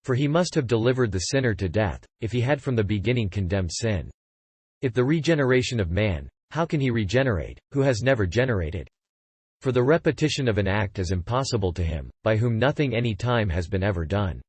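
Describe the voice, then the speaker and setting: A man giving a measured, declamatory scripted reading. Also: lowish voice, animated, a little mellow, slightly rough, no echo. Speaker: reader.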